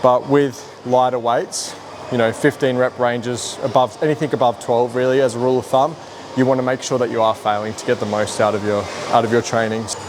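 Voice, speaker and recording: Man, fitness vlogger, mid-range pitch, informal rambling explanations, gym workout vlog, noticeable background noise. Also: little pitch movement, brisk. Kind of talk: casual workout vlog, explaining as they train. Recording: noisy room with ambient hum.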